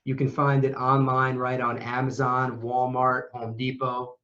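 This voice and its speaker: A man hosting an interview, upbeat and quick to affirm his guest. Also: medium pitch, monotone, sharp tone, lo-fi sound. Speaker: interview host.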